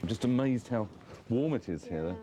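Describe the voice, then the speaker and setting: A man's voice: medium pitch, lively intonation, moderate pace, mellow. A man, a visiting travel writer, chatting casually in an outdoor interview and rambling through plenty of fillers. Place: outdoors on a frozen lake.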